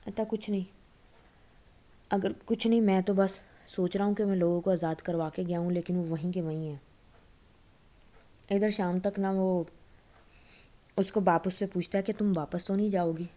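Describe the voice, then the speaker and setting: A young woman recounts a novel's plot in a relaxed, conversational way, stopping now and then to fix a slipped word. Her voice sits on the low side for a woman and has a soft, mellow tone. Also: pauses often. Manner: chatty, loose retelling with frequent self-corrections. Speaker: novel recap storyteller. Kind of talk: casual spoken retelling of a novel.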